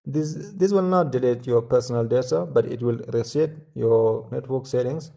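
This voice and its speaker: A tutorial host narrates a step-by-step tech walkthrough in a mellow, soft-edged, creaky voice of medium pitch. He moves through the instructions one stage at a time, slightly halting and often hesitating briefly.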